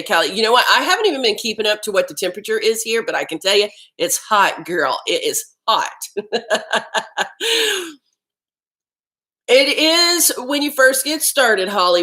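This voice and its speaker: On a casual live stream, a health vlog host discusses healthy eating as she eats lunch at home. Her medium-pitched voice is a bit bright, though the audio is poor.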